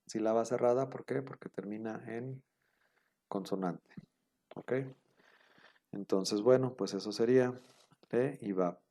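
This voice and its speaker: A man teaching a Bible class on Hebrew grammar, explaining patiently with frequent pauses and rhetorical questions. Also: on the low side, creaky, warm tone.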